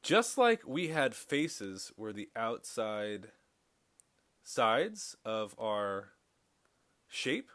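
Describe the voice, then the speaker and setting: A man teaching a recorded high school math tutorial, chatty and upbeat with corny jokes. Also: very animated, very slow, long pauses, a bit bright.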